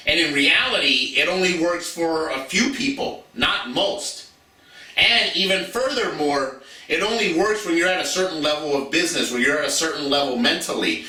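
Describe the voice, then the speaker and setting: Bright, profane motivational man, roomy. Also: fairly high pitch, distant mic. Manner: profane, fired-up, repeats phrases for emphasis. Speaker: business mentor. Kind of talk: motivational talk to camera.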